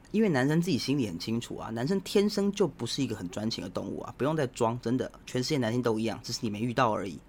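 In a mid-range voice with a little background noise, a podcast host with a Taiwanese Mandarin accent delivers a casual opinion monologue. He's blunt and provocative, lecturing his listeners head-on.

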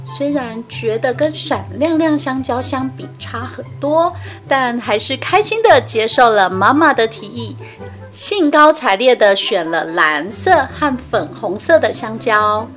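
Woman, children's story narration, high voice, light music behind. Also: animated, measured pace, a bit bright.

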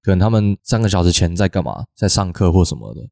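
快速说话的低沉男声. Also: male voice, sits low, gravelly, dry recording, studio quality. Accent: Taiwanese Mandarin. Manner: fast storytelling, animated quoted scolding. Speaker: podcast co-host, youth volleyball coach. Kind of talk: casual chat.

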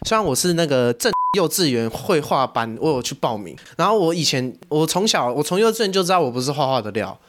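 Young taiwanese guy on a podcast, fast talker, voice jumps all over, laughs a lot. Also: on the high side. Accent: Taiwanese Mandarin. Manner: animated storytelling, laughs often. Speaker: podcast co-host. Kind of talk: casual chat.

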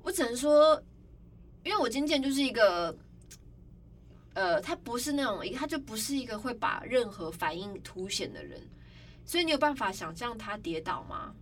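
A young woman hosting a podcast, telling stories in a casual, animated way and acting out other people's cries. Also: a little high, moderate pace. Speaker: podcast host. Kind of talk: casual storytelling chat. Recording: slightly distant mic, faint background noise.

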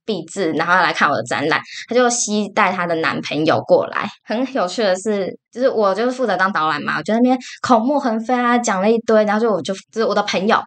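A young woman with a Taiwanese Mandarin accent, co-hosting a casual podcast. She rants in an animated, exasperated way, full of fillers. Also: mid-range voice, fast, few pauses. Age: young adult. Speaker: podcast co-host.

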